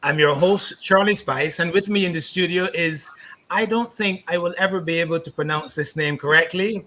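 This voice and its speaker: A middle-aged man from Barbados hosts a relaxed online chat. His voice sits a little high and sounds bright, and his manner is courteous and chatty. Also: a little hiss or hum. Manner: courteous, talkative, halting at the guest's name. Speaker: host. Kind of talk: casual video-call chat.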